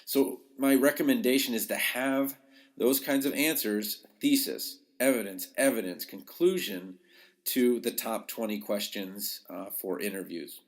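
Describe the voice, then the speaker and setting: A podcast host and coach gives listeners informal advice in a conversational, emphatic way, acting out short quotes. He has a medium-pitched voice and a measured pace.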